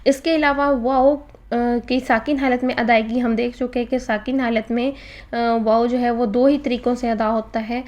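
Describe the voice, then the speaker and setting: A woman's voice: on the high side, fairly even intonation, a little mellow. A woman teaching Quran recitation in a recorded lesson, explaining patiently step by step and mixing in English words.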